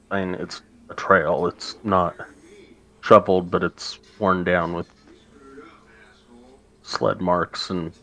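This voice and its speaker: A man narrating as game master in a tabletop game, halting as he thinks aloud. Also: low-pitched, fairly bright tone, rough recording.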